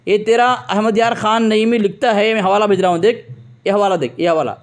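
In a heated religious phone debate, the host speaks fairly quickly in a high-sitting voice. Combative and derisive, he repeats himself to cut in on his opponent.

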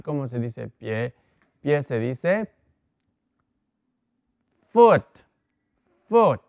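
Slow, patient male language teacher. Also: fairly high pitch, gravelly, a little mellow, no room sound. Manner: slow, patient, repeats each word. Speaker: English teacher. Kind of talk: televised language lesson for Spanish speakers.

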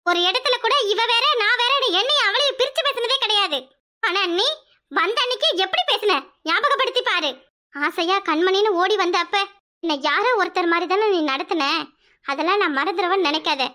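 Performer doing a loyal righteous young woman, earnest firm tone, very high bright voice. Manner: earnest, then stern.

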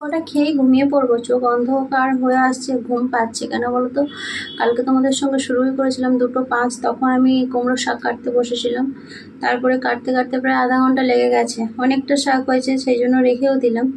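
A young woman from Medinipur chatting softly in a casual home vlog, sleepy and sweaty in the heat. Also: high voice, little pitch movement, fast, creaky, a little hiss or hum. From Medinipur, West Bengal, India. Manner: soft, hushed talk so a sleeping child stays asleep. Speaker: vlogger, housewife and mother. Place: small home indoors. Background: background music.

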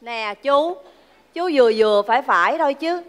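A sassy, grumbling female nurse, played by a woman in a stage comedy sketch. She complains in a high, quick voice. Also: expressive.

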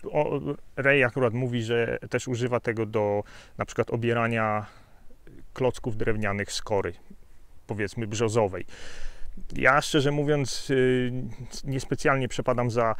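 Recorded on a hillside via lapel mic, this gear review features a Polish man in his thirties talking about a bushcraft knife. He's chatty and relaxed, with fillers and asides, speaking at a medium pitch and measured pace with no echo.

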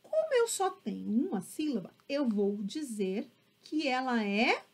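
Upbeat Brazilian woman teacher, husky voice, lively melody, online lesson. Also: sits high, unhurried. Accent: Brazilian Portuguese. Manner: upbeat, checks in with students often.

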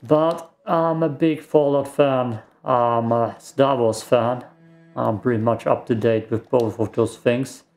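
A German-native let's play gamer with a mid-range, darkish voice talks slowly and steadily over faint background music. He rambles casually while playing, reacting aloud and poking fun at himself, recorded on a desk mic at his home gaming setup.

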